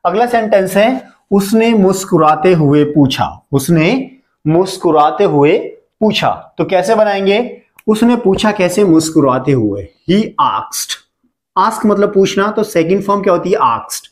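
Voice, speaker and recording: Male English teacher from India, higher register, unhurried, repeats examples. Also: lively intonation. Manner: slow, drawn-out example sentences, repeating each phrase. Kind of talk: Hindi-language English lesson.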